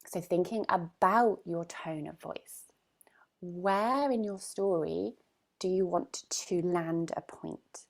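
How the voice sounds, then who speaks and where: A woman's voice: on the low side, slow, vocal fry. A woman coaching a group in a live online session, speaking emphatically and often checking in with "right?". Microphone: video call.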